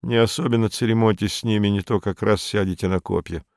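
Guy reading a gruff grumbly crewman, low voice, kinda mutters, dry close sound. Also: fairly even intonation, fast, no room sound, lightly acted. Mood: grumbling.

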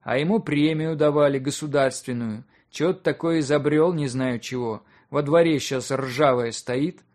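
Man doing a village elder, grumbling, plain-spoken, slightly high voice, storybook. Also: a little mellow, lightly acted. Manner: plain, chatty, complaining. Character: weary middle-aged male village elder, grumbling.

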